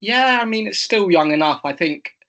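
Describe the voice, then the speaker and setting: A young man co-hosting a casual sports chat, chatty and quick to laugh, with fillers and restarts. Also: high-pitched, animated, fairly bright tone, dull audio. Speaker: co-host.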